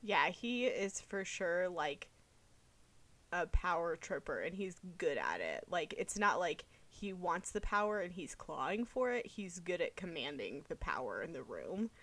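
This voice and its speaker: A woman's voice: lowish voice, very animated, unhurried, a bit bright. A young woman in casual podcast chat about a book, rambling and thinking aloud with lots of filler words.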